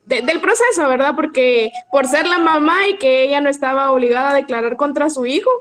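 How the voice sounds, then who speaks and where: A woman's voice: high voice, brisk, a bit bright, rough recording. A woman law student asking a question in class, hesitant, with many restarts and self-corrections.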